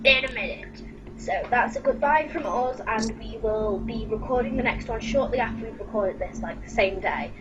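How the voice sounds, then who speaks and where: Brief: female host, high voice fading from overuse, hesitant casual delivery, muffled far-off mic, music behind. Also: normal speed. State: losing her voice. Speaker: channel host. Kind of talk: casual creepypasta reading and chat.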